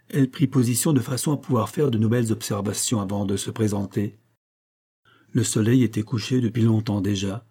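Measured male narrator for a classic novel, husky and dark-toned. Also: on the low side. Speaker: audiobook narrator. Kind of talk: scripted narration.

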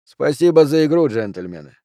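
A man voicing a cool, unflappable card sharp in an audiobook, speaking quietly and measured. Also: fairly high pitch, sing-song, no room sound, clean studio sound. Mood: cold. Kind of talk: audiobook character reading.

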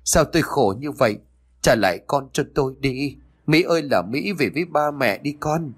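A man's voice: medium pitch, lively intonation, moderate pace, pitched above the performer's own voice, lightly acted. Grief-stricken wailing mother, put on by a man; pleading. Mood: grieving. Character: grieving mother wailing for her daughter.

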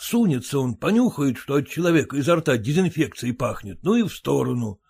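A man's voice: mid-range voice, big pitch swings, fairly quick, creaky, a little mellow, husky, exaggerated voice. A man voicing a fussy, self-important merchant husband who lectures and grumbles. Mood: grumbling. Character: pompous fussy merchant husband, fearful of typhus.

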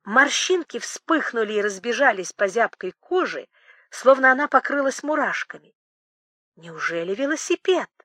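A woman narrates literary prose in a measured, expressive way. Her voice sits a little high and sounds bright and clear. The recording is dry and close, with no room sound. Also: no echo. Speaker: audiobook reader.

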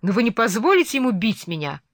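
A headstrong young woman , as the reader of a storybook puts her on, talking back boldly in a raised, high voice. The sound is dry and close-miked. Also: expressive, moderate pace, fairly bright tone, dry recording, natural voice. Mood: defiant. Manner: bold, raised, defiant.

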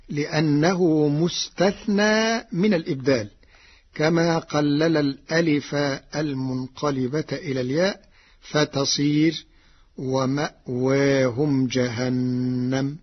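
A man giving a formal, measured explanation on radio, repeating words deliberately. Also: on the high side, slightly rough. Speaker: radio presenter explaining reading variants. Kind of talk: formal slow explanatory talk. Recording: dull old radio recording.

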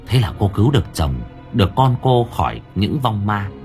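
A man narrating a horror audio story in a dramatic, expressive way. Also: fairly low pitch, moderate pace. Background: faint background music.

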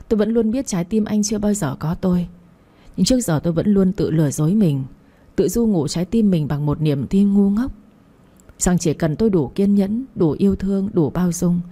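A woman narrating a romance story in the first person with a slow, measured, melancholic reading. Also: lowish voice, dark tone, husky. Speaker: audiobook narrator.

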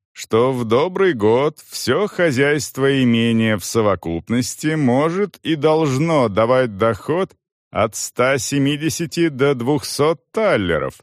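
A man voicing a tedious male accountant who reads figures in a dry, steady, officious way. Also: mid-range voice, no room sound, voice pushed up, lightly acted.

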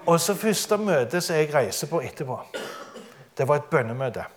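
A man's voice: a little high, animated. A man giving a testimony sermon, telling his story dramatically and often laughing.

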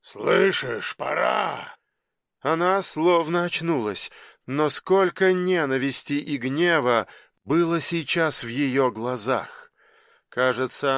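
Slow, measured male audiobook narrator. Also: mid-range voice, a bit bright, clear, resonant tone, dry recording, studio quality. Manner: measured, dramatic storytelling.

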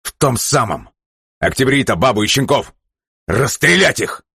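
A man reading an audiobook voices a furious, ruthless male leader who barks orders in a raised, sharp voice. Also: rumbling low, a little fast, husky, no room sound, clean studio sound.

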